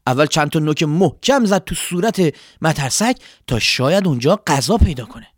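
A man reads a children's story aloud, gentle and expressive. His voice sits a bit high for a man. The recording is close and dry. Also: no echo.

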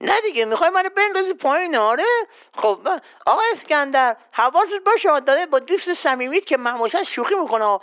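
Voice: sits high, expressive, a bit bright, muffled recording. A performer voicing a childish, easily offended man who says L in place of R, in a children's quiz skit. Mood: silly. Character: silly round man who can't say R. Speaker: quiz contestant.

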